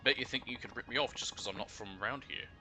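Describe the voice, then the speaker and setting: A man's voice: mid-range voice, fast talker, sharp tone, a little hiss or hum. A man voicing a brash, rude out-of-town woman taxi passenger in a video game, blunt and slangy. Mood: rude, irritated. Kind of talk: reading game dialogue aloud.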